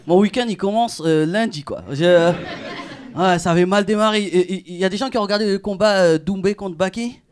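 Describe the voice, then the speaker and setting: A man's voice: high-pitched, brisk. A man doing stand-up comedy in a club, talking in a casual, slangy way and chatting with the crowd. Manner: casual slangy, animated, laughing through punchlines.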